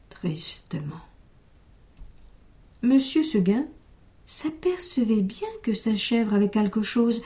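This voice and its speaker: Slow, mellow woman reading a tale. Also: medium pitch. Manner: gentle, measured, expressive reading. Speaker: storyteller. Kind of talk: storybook reading.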